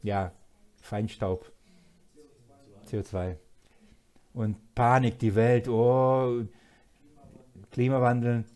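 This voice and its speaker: A man preaching a sermon, moving from quiet asides to loud, emphatic passages and laughing often. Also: medium pitch, level tone, very slow, long pauses, smooth.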